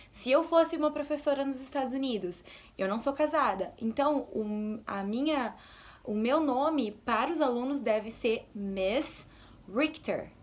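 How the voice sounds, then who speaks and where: A young woman with a Brazilian Portuguese accent hosts a casual teaching vlog. She talks in a chatty way and sits a little high in her range. She breaks off now and then to give quick examples. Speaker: English tips vlogger.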